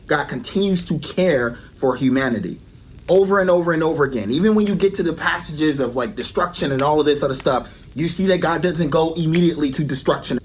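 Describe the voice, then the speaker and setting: A man's voice: a little high, a little hiss or hum. A man giving an earnest devotional teaching and often repeating his key points for emphasis.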